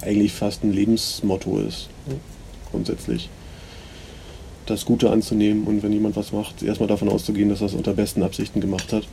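Male podcast host, rambling and hesitant, mellow gravelly voice, low-quality recording. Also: little pitch movement, fairly quick, a little hiss or hum. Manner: rambling, hesitant, many fillers. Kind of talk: casual reflective monologue.

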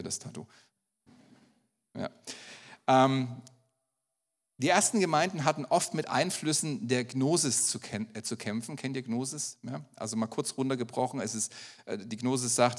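German pastor preaching in a reverberant church. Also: male voice, mid-range voice. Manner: asks the congregation direct questions. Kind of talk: sermon.

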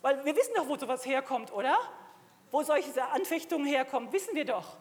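A woman's voice: high voice, animated, brisk, long reverb tail. A middle-aged woman preaching a sermon to a congregation, emphatic and at times rising to fervent exclamations. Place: church hall.

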